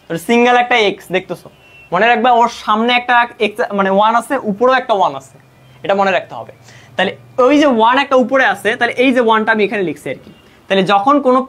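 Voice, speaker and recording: Speaking Bengali sprinkled with English math terms, a young man tutors math online in a Bangladeshi Bengali accent. His voice sits high and a bit bright as he explains step by step and answers the questions he poses himself.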